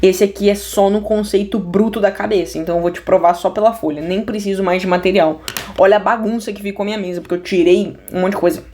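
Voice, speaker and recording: A woman's voice: medium pitch, steady tone, fast, warm tone, a little hiss or hum. Joking Brazilian woman teaching math. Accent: Brazilian Portuguese. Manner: slangy, joking, talks straight to viewers; restless, many restarts and asides. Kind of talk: casual video math lesson. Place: at a desk indoors.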